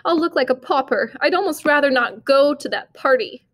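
A woman's voice: high voice, expressive, normal speed, voice pushed up. A woman voicing a discontented young wife who longs for luxury, speaking in a plaintive, bitter tone in a storybook reading.

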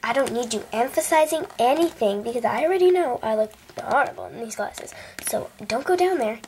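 A teenage girl vlogging to camera, rambling playfully and dropping into whispers between loud bursts. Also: fairly high pitch, expressive, fairly quick, slight background noise. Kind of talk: casual vlog chat.

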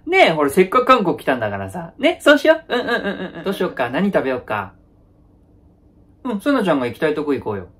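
A man's voice: a little high, huge pitch swings, racing, fairly bright tone, slightly rough, full character voice. A man playing a young boyfriend in a one-sided comedy sketch, placating, repeating phrases nervously and laughing awkwardly. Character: young male boyfriend, placating, avoids any conflict.

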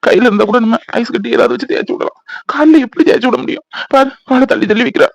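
A man voicing a soft-hearted young father in a cartoon, who frets and pleads in a tearful way. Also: very high-pitched, quick pace, vocal fry, no room sound, exaggerated voice. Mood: fretful. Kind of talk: cartoon voice acting.

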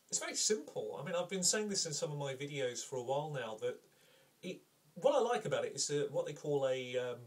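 An enthusiastic man talks straight to a camera in a casual review, rambling and circling back on his points. His voice is picked up from a little distance by the camera mic, at an ordinary mid pitch. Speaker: game reviewer.

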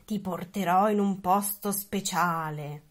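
A woman's voice: lowish voice, slow. A woman voicing a fussy, loving mother with a raised, exasperated tone in a storybook reading. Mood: motherly.

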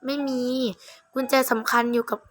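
A woman doing casual gameplay commentary, reading game text aloud and reacting in a blunt, mocking, foul-mouthed way. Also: moderate pace. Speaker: gamer playing through a horror game.

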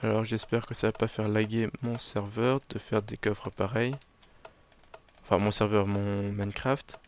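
A man's voice: on the low side, flat delivery, measured pace, slight background noise. A man giving casual, self-mocking commentary on his own game, muttering to himself as he plays. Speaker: let's play gamer.

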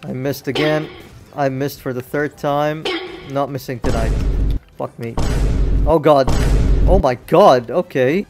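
A young man streaming a fighting game, cursing and yelling at his misses in casual commentary. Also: mid-range voice, measured pace, pauses often. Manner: excitable, swears a lot, yells at misses. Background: faint game music.

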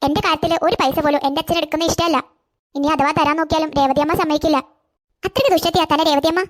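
A meek, stammering cartoon schoolgirl in her early teens, voiced by a woman. Her voice sits very high and the words tumble out quickly. She sounds timid and easily brought to tears. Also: fairly even intonation, natural voice. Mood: earnest. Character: poor, timid schoolgirl in eighth grade. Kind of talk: cartoon voice acting.

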